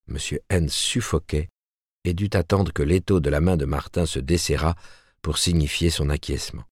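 Deep-voiced male audiobook narrator. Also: steady tone, normal speed, breathy edge, no echo, clean studio sound. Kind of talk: scripted narration.

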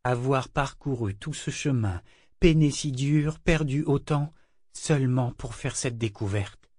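A man narrating a novel aloud in a measured, even way. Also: medium pitch, no room sound, studio quality. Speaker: audiobook narrator.

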